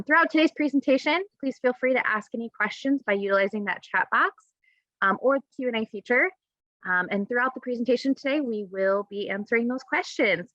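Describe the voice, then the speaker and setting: A woman's voice: a little high, fairly bright tone, no echo, lo-fi sound. A woman hosting a webinar who politely reads a prepared introduction, with occasional fillers. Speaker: webinar host. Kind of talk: scripted introduction.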